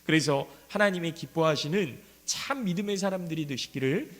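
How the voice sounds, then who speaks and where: A man preaching a sermon as pastor, acting out sharp rebukes in quoted lines. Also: fairly high pitch, moderate pace. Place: church sanctuary. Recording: church hall reverb.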